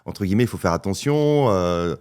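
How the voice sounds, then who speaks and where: A man with a lowish voice chats on a podcast at a studio microphone. He is agreeable and hesitant, padding his sentences with fillers and repeating words as he searches for them. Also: animated, brisk, darkish tone, clean tone. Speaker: podcast co-host. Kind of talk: casual podcast conversation.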